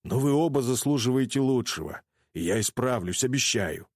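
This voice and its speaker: A man voicing a middle-aged father, protective and grieving, who speaks low and gruffly. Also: expressive, normal speed, no room sound, studio quality, natural voice. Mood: remorseful.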